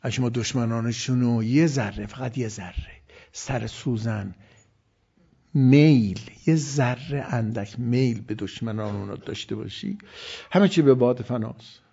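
A man giving a religious sermon, swinging between loud emphasis and hushed, near-whispered lines. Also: medium pitch, creaky, slightly rough. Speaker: preacher. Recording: dull lo-fi recording.

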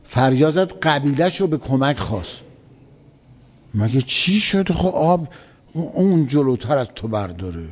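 A man's voice: medium pitch, big pitch swings, a little mellow. Preacher man in an echoing hall. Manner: vivid retelling with emphatic repetition. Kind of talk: colloquial religious storytelling lecture. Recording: long hall reverb, dull lo-fi sound.

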